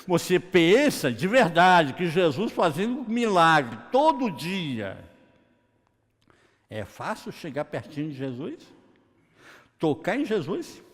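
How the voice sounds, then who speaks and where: A male preacher, talking to his congregation in slangy, joking asides and acted-out Bible scenes. His voice sits a bit high and swings widely in pitch. A long church-hall reverb trails every phrase. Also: very animated, takes it slowly. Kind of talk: lively sermon.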